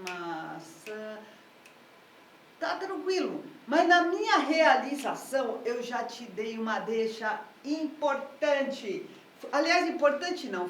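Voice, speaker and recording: A woman music teacher with a high voice patiently explains harmony step by step. The room is echoey, the mic is at a distance, and there's slight background noise.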